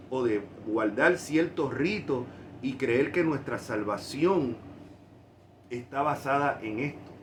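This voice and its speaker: A man's voice: medium pitch, a little hiss or hum. A man from Puerto Rico with a Puerto Rican Spanish accent, preaching a sermon with emphatic, rising stresses on key points.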